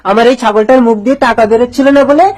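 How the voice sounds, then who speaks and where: A woman's voice: on the high side, fairly even intonation, rapid-fire, darkish tone, close to an everyday voice. A woman voicing a foolish, naive young village husband in a cartoon, asking childlike bumbling questions. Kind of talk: cartoon voice acting.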